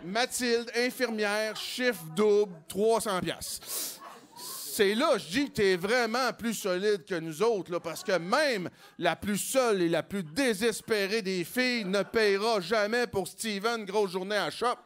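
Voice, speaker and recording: A man with a Québécois French accent performing a stand-up comedy routine, animated and jumping into quoted voices. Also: unhurried, hardly any pauses. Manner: animated, acts out quoted voices with big pitch jumps.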